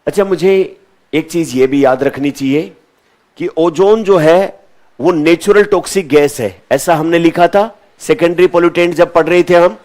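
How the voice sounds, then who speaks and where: A man's voice: on the high side, moderate pace, darkish tone. A male teacher giving a classroom lecture, asking questions and answering them himself, repeating key terms.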